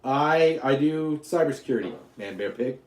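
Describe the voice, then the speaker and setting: A man's voice: mid-range voice, expressive, normal speed, a little mellow, echoey room. A man from Utah hosting a casual live stream, rambling, joking and answering questions from his chat. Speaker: YouTube livestream host.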